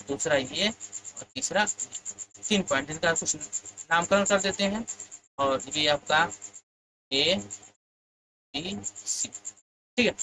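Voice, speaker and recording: A man's voice: sits high, bright, forceful tone, slight background noise, poor audio. A male physics teacher leading an exam lesson. He keeps asking his students questions and then answers them himself.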